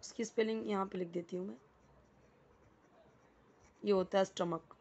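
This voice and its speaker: A woman's voice: mid-range voice, fairly even intonation, moderate pace, a little mellow. A woman teaching a casual lesson, patiently explaining and repeating words, often checking in with the listener. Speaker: English teacher.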